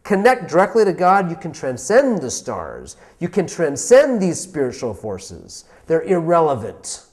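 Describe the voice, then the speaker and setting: A man voicing God in a retold story, speaking in emphatic, slow declarations. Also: fairly high pitch, wildly swooping pitch, darkish tone, voice pushed up. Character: reassuring divine voice of God.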